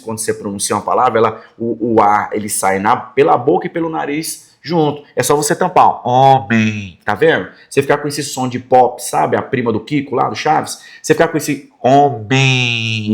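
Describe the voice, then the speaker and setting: A man with a Brazilian Portuguese accent teaching a grammar lesson, sounding out words slowly and checking in with students every few phrases. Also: fairly high pitch. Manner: friendly, checks in often with quick tags like "fechou?" and "tá?"; sounds out words slowly and repeats them for emphasis.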